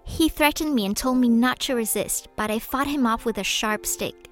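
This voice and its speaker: Woman, interpreter voice-over in first person, higher voice, steady measured read, soft music underneath. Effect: interpreter voice-over speaking in first person. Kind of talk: translated first-person testimony from a video.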